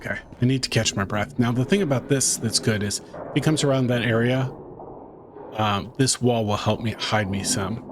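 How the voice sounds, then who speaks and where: A man's voice: medium pitch, moderate pace, noisy background. A man giving tense running commentary while he plays a horror game, talking under his breath to himself and the viewer. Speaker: gaming YouTuber. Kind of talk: let's-play commentary.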